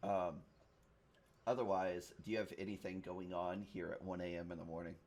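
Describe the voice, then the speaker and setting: A man narrating a tabletop game as game master in a casual, halting way. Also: sits low, flat delivery, darkish tone. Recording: faint background noise.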